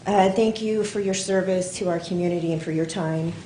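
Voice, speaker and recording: A woman's voice: fairly low pitch, a little fast, mellow, reverberant, a little hiss or hum, poor audio. A woman opening her public comment at a county meeting with formal, polite greetings.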